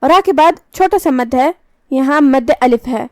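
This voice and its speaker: A woman teaching Quran recitation, calmly explaining each letter and its rule, then reciting slowly. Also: high voice, no echo. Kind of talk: tajweed lesson with slow recitation.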